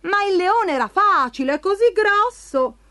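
A woman's voice: very high voice, expressive, normal speed, bright, forceful tone, pitched above the performer's own voice, exaggerated voice. A woman voicing a sly, coaxing male cat who wears boots, with a hissing edge in a storybook reading. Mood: flattering.

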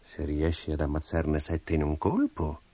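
A man voicing a fearful, scheming king who mutters quietly to himself, with music behind. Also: a little slow, no room sound. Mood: musing. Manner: low, muttering, hushed. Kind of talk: storybook narration. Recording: music in the background.

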